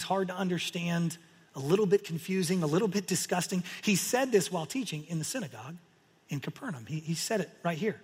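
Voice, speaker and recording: A male pastor preaching a sermon, telling the story with animated storytelling and acting out the voices of the crowd. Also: fairly high pitch, slightly rough, big-room sound.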